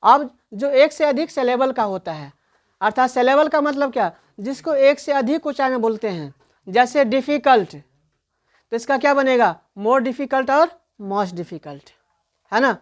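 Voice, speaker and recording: High-voiced woman teaching grammar. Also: expressive. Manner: asks questions and answers them herself; explains in Hindi, reads English examples slowly. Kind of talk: online grammar lesson.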